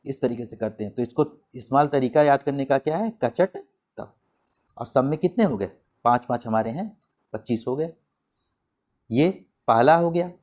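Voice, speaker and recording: A male teacher with a Hindi accent gives an exam-prep grammar lesson in a medium-pitched voice with a darkish tone. He puts questions to the class, answers them himself, and spells out sounds slowly, repeating them.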